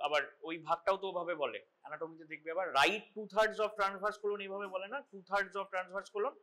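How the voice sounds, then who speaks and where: Bright high-voiced male lecturer. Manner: explanatory, mixes English terms, frequent restarts. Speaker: anatomy lecturer. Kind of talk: classroom lecture.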